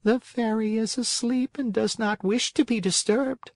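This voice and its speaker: A reader voicing a calm, unhurried female snail in a storybook, speaking high and slow in a peaceful way. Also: no echo. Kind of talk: storybook character voice.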